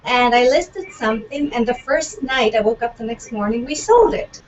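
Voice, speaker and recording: A nervous stay-at-home mom from Canada, a guest on a video call, talking fast. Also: female voice, a little high, animated. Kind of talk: casual video call chat. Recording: distant muffled web call with faint noise.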